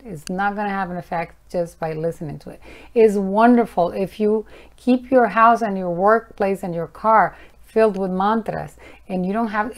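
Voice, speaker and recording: A woman teaching about mantra chanting in a casual, earnest talk to camera, frank and sometimes firm with her viewers. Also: mid-range voice.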